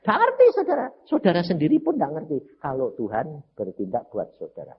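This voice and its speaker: A man's voice: fairly high pitch, brisk, slightly rough. An older man giving a testimony sermon, talking straight to the congregation and slipping in words. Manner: animated, addresses congregation as brothers and sisters, mixes in Javanese words. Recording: dull lo-fi recording.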